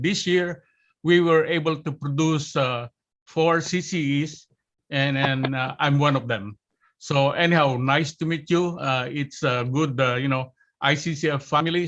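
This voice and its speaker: A man's voice: medium pitch, a bit bright. A man from the Philippines introducing himself on a video call, hesitant, with many fillers. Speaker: national chess delegate. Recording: dull lo-fi call audio.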